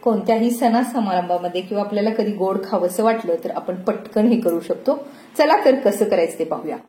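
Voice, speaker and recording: A woman hosting a cooking channel, calmly walking through a recipe step by step in a home kitchen. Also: medium pitch, a little fast. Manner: calm, step-by-step instructive. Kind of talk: recipe narration. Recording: echoey kitchen, faint noise.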